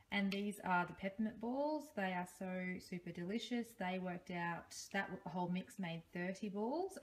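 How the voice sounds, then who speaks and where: A woman's voice: lowish voice, a little hiss or hum. A woman in her thirties with an Australian accent, chatting casually through her meal prep in a home kitchen, recorded on a phone. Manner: chatty, upbeat, frequent ums. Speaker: vlogger. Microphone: phone camera held close.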